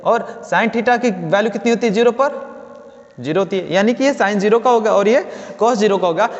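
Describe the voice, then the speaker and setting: A man's voice: sits high, normal speed. A man teaching physics as a classroom lecture, asking questions aloud and answering them himself, often adding a tag question for agreement. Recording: dull lo-fi audio with long reverb.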